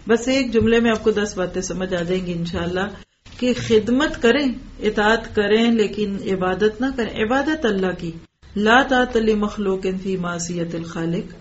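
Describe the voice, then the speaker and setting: Woman giving a quran commentary class, recites verses slow then explains, asks her listeners questions, mid pitch, kinda muffled recording. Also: slight background noise. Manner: addresses listeners directly, with rhetorical questions. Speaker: Quran teacher.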